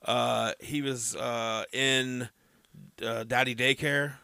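Male podcast co-host, bright edgy tone, dry close sound, rambling casual movie chat with lots of "uh"s. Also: mid-range voice, fairly even intonation, slow pace, creaky, clear, resonant tone, no room sound. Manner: rambling, lots of fillers and trailing lists.

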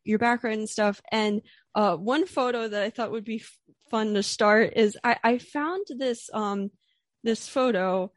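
A woman's voice: on the high side, dry recording, studio quality. A young woman hosting a podcast, chatty and a bit nervous, with lots of fillers and restarts. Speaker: podcast host. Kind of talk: casual interview.

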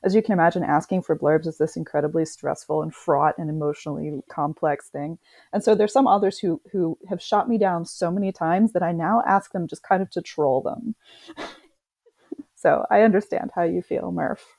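A woman's voice: fairly low pitch, normal speed, vocal fry, a little mellow, breathy edge, dry recording. A woman author, a guest on a podcast, chatting casually with wry, self-deprecating humor.

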